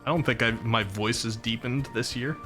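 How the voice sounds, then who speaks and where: A man's voice: mid-range voice, steady tone, normal speed. A man hosting a livestream, commenting casually on old clips in a playful, self-mocking way. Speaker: streamer, host. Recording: faint music behind voice.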